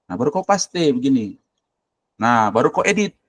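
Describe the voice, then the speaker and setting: A man's voice: mid-range voice, very animated, normal speed, no room sound. A man, a university lecturer giving blunt, casual instructions while working through a shared screen on a video call. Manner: blunt, directive, colloquial, thinking aloud while clicking. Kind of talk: informal screen-share tutoring.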